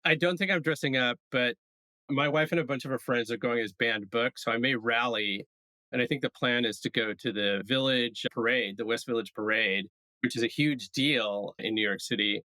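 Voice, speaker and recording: Bright-voiced man, upbeat podcast co-host. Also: mid-range voice, normal speed, no echo, rough recording. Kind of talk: casual chat. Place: New York City.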